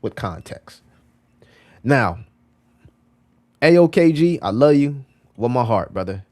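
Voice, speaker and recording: A male streamer chats casually to his viewers at a mid-range pitch. His talk is loose and slangy, full of repeats and "bro". He reacts to chat messages as they come in. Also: very animated, slow, darkish tone. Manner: loose, slangy and repetitive, often calling out "bro"; talks back to chat messages as he reads them. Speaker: crypto livestream host.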